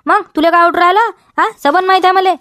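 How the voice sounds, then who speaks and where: A woman's voice: extremely high pitch, fast, bright, forceful tone, dry recording, clean studio sound. A woman with a Vidarbha Marathi accent playing a scolding village farmer who nags and keeps tagging questions onto every line, in a comedy sketch. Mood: accusing. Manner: nagging, repeats demands, keeps tagging "हा?". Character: scolding village farmer man guarding his field.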